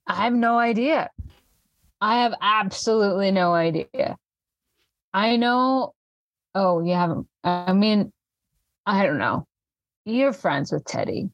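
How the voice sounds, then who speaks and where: A man's voice: high voice, expressive, slow pace, vocal fry, pauses often, no room sound, dull audio, full character voice. A woman voicing a laid-back male stoner who rambles on with lots of fillers in a tabletop role-play. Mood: rambling.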